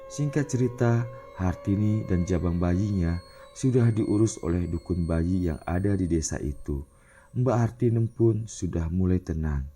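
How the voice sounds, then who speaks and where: Male storyteller, deep and mellow, animated dramatic narration, soft music bed. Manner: expressive, dramatic. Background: faint background music.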